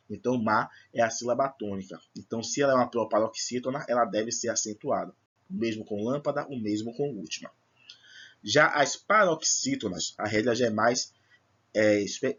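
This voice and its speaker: A man with a medium-pitched, somewhat bright voice with a breathy edge teaches a recorded lesson, and the highs are cut off. He explains step by step with patience, checking that students follow by asking "certo?" and "tá bom?".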